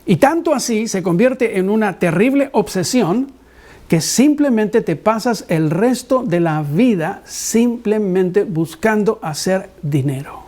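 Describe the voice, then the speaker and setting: Animated male pastor telling a story. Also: high-pitched, unhurried. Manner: animated storyteller who acts out dialogue. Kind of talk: sermon with personal storytelling.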